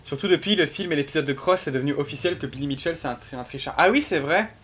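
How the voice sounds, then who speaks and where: A young man casually talking to his chat while he plays a game. He is excitable, chatty and full of fillers, and he swears often. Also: a little high, quick pace, breathy edge. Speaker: streamer. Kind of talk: casual gameplay commentary to chat.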